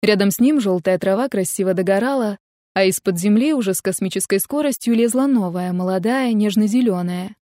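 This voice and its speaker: A woman's voice: medium pitch, brisk, mellow, no echo, clean studio sound. Woman reading a story aloud. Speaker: audiobook narrator. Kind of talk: first-person audiobook narration.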